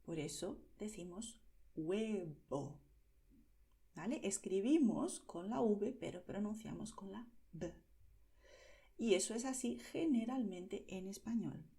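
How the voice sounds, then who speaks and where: Slow, mellow Spanish teacher from Spain. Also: female voice, mid-range voice, expressive. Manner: slow, clear, over-articulated, checks in with "¿vale?". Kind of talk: pronunciation lesson for learners.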